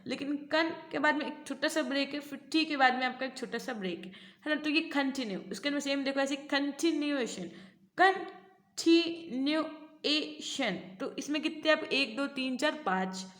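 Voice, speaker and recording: An Indian woman teaching an online class, explaining patiently in Hindi and reading English passages slowly aloud. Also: high-pitched, a bit bright, reverberant. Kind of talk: online lecture.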